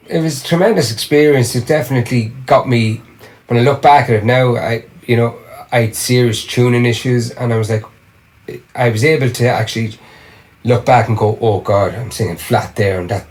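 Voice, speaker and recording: Here a middle-aged man from Ireland, a singer who also plays drums, guests on a podcast with relaxed chatter. His medium-pitched voice moves at a moderate pace as he tells animated, meandering stories and frequently starts over.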